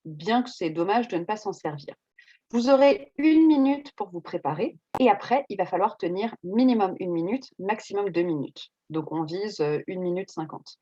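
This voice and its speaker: A woman's voice: medium pitch, animated, moderate pace, dark tone, dry recording, highs cut off. A woman English teacher explaining exam preparation in a reassuring, conversational way, with frequent fillers.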